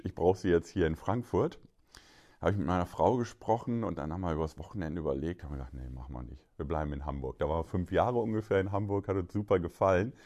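A man's voice: deep voice, a little mellow. A man in his fifties from Düsseldorf, a bank executive talking fluently with some filler hesitations in a podcast interview. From Germany, Düsseldorf.

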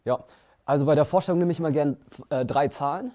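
A man in his twenties from Germany speaks fast in a slightly high voice with a dark tone. As a company founder and CEO appearing as an interview guest, he answers questions casually, with lots of fillers and restarts.

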